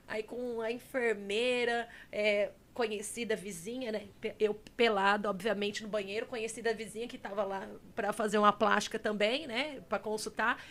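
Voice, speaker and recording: A young adult woman hosting a podcast, telling a story in a lively, animated way and acting out what other people said. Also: a little high. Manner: animated storyteller, acts out quotes. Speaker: podcast host. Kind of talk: casual interview chat.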